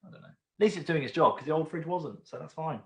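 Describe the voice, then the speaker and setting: A man's voice: on the high side, fast talker. Chatty British man hosting a home pub quiz. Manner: chatty, rambling asides between questions, repeats each question. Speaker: quiz host. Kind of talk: casual livestream quiz hosting. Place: room at home. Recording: roomy home recording.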